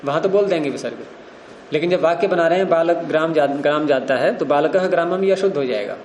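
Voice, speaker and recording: Male grammar teacher, fairly high voice, quizzing students, roomy echo. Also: fast, darkish tone, a little hiss or hum. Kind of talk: classroom teaching.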